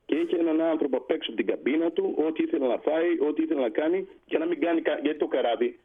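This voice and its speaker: A man's voice: a little high, breathy edge. A man who served on ships, telling a story in a radio interview and acting out the dialogue. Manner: animated, acts out quoted dialogue. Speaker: retired sea captain guest. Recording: tinny phone line.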